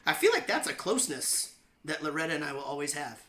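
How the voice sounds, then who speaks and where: A man hosting his own show, chatting and telling rambling, self-mocking stories between songs with deadpan jokes. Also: a little high, fast. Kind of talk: casual banter between songs. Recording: roomy echo with faint guitar.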